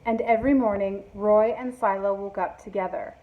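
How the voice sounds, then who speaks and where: A woman's voice: medium pitch, fairly even intonation, moderate pace. Phone-like recording of a woman reading. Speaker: school staff member reading aloud. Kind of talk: children's storybook read-aloud. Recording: thin phone-like band-limited sound.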